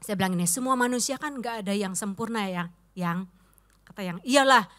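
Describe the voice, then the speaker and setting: A woman's voice: medium pitch, a little fast. A woman pastor preaching a sermon, telling anecdotes and acting out the voices of the people in them. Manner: animated storytelling, acting out quoted voices; addresses the congregation as "saudara".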